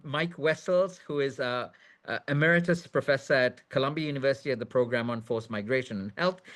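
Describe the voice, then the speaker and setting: A man's voice: medium pitch, a bit bright. A man moderating an online panel webinar, introducing guests with many ums and restarts. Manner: many fillers and restarts, measured. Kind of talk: hesitant spoken introduction. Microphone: video call.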